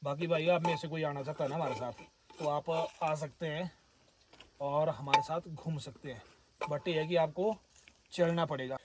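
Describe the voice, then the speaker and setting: A man's voice: on the high side, fairly even intonation, normal speed, recorded from a distance, very noisy. Chatty Himachali man vlogging outdoors. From Himachal Pradesh, India. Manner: chatty, addresses viewers as friends and brothers. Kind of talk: casual vlog narration. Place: outdoors at a forest herders' camp.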